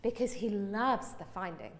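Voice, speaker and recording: A woman in her thirties preaching a sermon to a congregation, animated and self-mocking, acting out little quoted scenes. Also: mid-range voice, normal speed. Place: church hall with congregation. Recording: church hall with long reverb.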